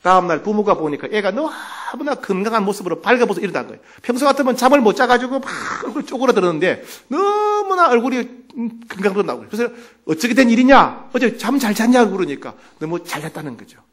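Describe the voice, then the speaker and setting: A male pastor delivering a sermon who moves between loud exclamations and quiet, earnest asides, acting out dialogue as he retells scripture. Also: high-pitched, sing-song, quick pace, hardly any pauses.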